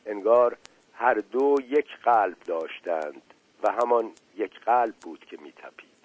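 A man narrating a children's story calmly and evenly. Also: lowish voice, breathy edge, no room sound, rough recording. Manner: calm, even storytelling.

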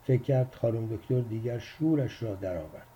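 A man narrating a short story in a measured, steady way. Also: medium pitch, a little hiss or hum.

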